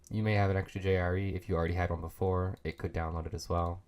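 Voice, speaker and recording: A man's voice: deep voice, little pitch movement, fast talker, darkish tone. A man with a sick voice walks through a coding tutorial in a casual, apologetic way, recorded at a home computer desk. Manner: loose and apologetic, talks while clicking through steps. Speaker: tutorial host.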